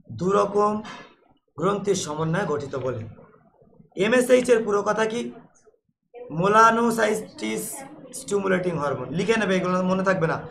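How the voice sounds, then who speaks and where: High-voiced Bengali teacher explaining exam answers. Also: male voice, vocal fry, a bit bright, low-quality recording. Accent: Bengali of West Bengal. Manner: explains with playful everyday examples; reads questions then answers. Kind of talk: online exam-prep lesson.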